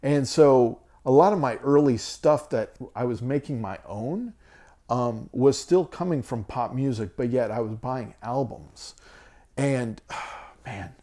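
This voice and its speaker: A man's voice: medium pitch, takes it slowly, warm tone. A man in his forties talking casually to camera about his records, hesitant with many ums and restarts, losing his voice. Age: 40s. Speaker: vinyl collector vlogger.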